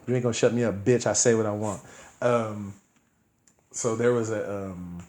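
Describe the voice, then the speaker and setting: A man in his thirties co-hosting a podcast, telling a story in casual, profane chat and acting out the people he quotes in loud bursts. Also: fairly low pitch, normal speed, roomy sound, a little hiss or hum. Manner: profane, animated, acts out quoted voices loudly. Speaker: podcast co-host.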